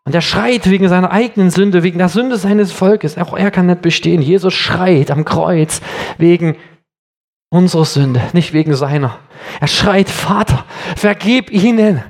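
High-voiced man preaching a sermon. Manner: earnest, emphatic preaching with dramatic slowdowns.

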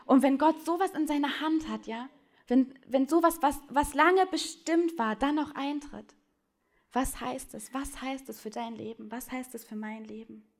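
A woman preaching a sermon, speaking straight to her listeners and swinging between loud urgent appeals and hushed, intimate lines. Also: high-pitched, normal speed. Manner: addresses listeners directly with questions.

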